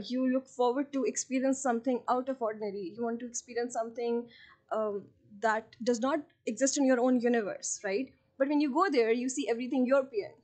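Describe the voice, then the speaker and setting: A woman from Pakistan hosting a casual podcast interview, animated and teasing, laughing often. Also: a little high. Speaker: podcast host.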